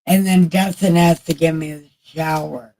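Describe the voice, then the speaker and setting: A woman's voice: sits low, steady tone, moderate pace, warm tone. A woman livestreamer in casual chat, talking candidly and with plenty of swearing to her viewers. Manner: candid, profane, chatting with viewers.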